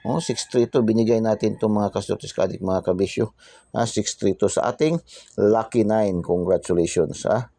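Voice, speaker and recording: Deep-voiced chatty man, dark tone. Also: moderate pace, no room sound. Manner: chatty, repeats tag phrases and "ha?" constantly; drops into whispers for secret numbers. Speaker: lottery tip channel host. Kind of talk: casual channel talk.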